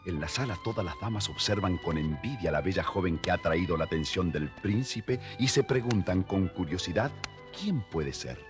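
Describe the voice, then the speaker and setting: This storyteller has a deep, expressive voice and a moderate pace. He narrates a scripted fairy tale for young listeners on an old story record backed by music.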